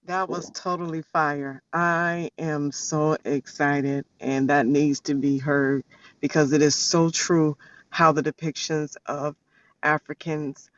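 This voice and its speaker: A man's voice: on the high side, flat delivery, slow, a bit bright, no room sound. A man speaking earnestly and passionately as a guest, sometimes searching for words. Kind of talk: earnest reflective speech. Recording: dull lo-fi online audio.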